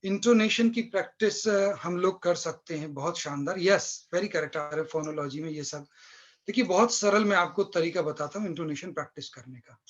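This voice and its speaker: A man's voice: on the high side, muffled recording. A man with an Indian accent teaching an online English class, switching between Hindi and English and explaining step by step. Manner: mixes Hindi and English, explains slowly, recites poetry with feeling. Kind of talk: live online class lecture.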